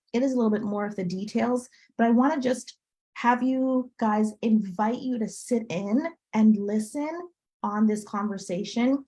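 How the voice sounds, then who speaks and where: A woman's voice: fairly high pitch, mellow, poor audio. A woman tutor teaching a live online class to parents, upbeat and teacherly, often checking in with "okay?", heard through a video call. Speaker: French tutor.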